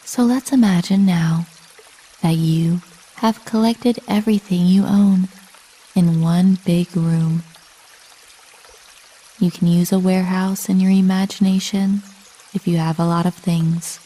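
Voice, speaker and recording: A woman with a fairly low, slightly breathy voice narrates a scripted meditation for sleep, shaped like a bedtime tale. The pacing is measured and calm, broken by long, soothing pauses.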